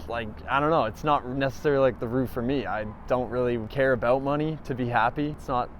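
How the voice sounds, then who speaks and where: A man's voice: medium pitch, brisk, a little hiss or hum. A man speaking bluntly and casually in a street interview, swearing freely and laughing lightly.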